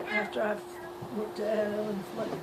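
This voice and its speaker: An elderly woman telling a story from her life as an informal reminiscence, halting, searching for words and repeating phrases. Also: mid-range voice, completely flat delivery. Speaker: grandmother telling life stories. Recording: loud background noise, amateur home recording.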